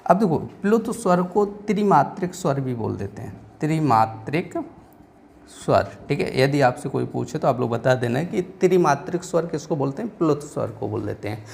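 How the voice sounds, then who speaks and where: A man's voice: fairly high pitch, animated, normal speed, creaky, a little mellow. A male teacher with a northern Indian Hindi accent, giving a classroom lecture and often quizzing listeners with rhetorical questions.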